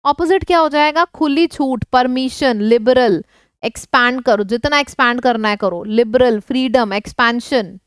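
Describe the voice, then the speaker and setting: Female tutor, Hindi native, bright high smooth voice, patient vocabulary drill with frequent check-ins. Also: moderate pace, no room sound. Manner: explains words in mixed Hindi and English, checks in often. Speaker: teacher. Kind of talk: online vocabulary lesson.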